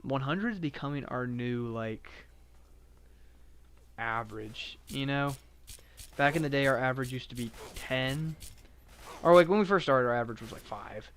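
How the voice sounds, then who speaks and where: A man live-streaming a game, chatting casually in a self-described monotone with lots of filler words. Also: medium pitch, moderate pace, long pauses, clear, resonant tone. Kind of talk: casual live-stream chat while playing.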